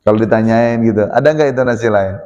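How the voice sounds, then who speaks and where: A male preacher, speaking at a middle pitch. He keeps a lively, joking tone and plays out questions from the congregation himself. His voice rings through the long reverb of a mosque hall. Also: fast talker, muffled recording. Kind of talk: mosque sermon.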